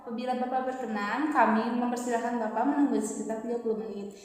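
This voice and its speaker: A woman plays a polite, deferential secretary in a workplace role-play. She has a fairly high voice and a formal customer service manner. The recording rings with heavy room echo and long reverb. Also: steady tone, fast talker, lightly acted. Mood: courteous, apologetic.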